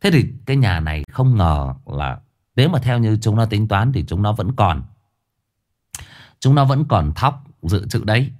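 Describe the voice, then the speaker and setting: A man telling a tragic true story to his listeners in a casual spoken style, with sudden high emphatic bursts and low somber drops. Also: big pitch swings, moderate pace, darkish tone. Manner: addresses listeners directly, casual with restarts.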